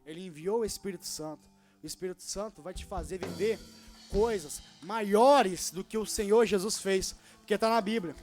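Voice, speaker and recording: A man in his twenties from Brazil preaching a sermon and telling his own story, swinging between loud and hushed. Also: sits high, normal speed, faint music behind. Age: 20s. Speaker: young preacher. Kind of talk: sermon with personal testimony.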